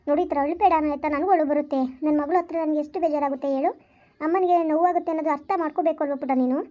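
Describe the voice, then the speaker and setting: A woman's voice: sits high, steady tone, racing, dull audio, lightly acted. A woman voicing a patient mother who soothes and coaxes her crying daughter in a family skit. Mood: soothing. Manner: soothing, coaxing, lecturing softly.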